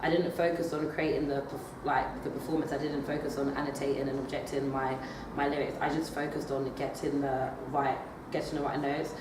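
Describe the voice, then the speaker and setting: A young drama student, a woman in young adulthood, has a bass voice and a flat delivery, talking fairly quickly with few pauses. Her interview answers are hesitant, with many fillers and restarts. She was captured far from the mic in a noisy, echoey room.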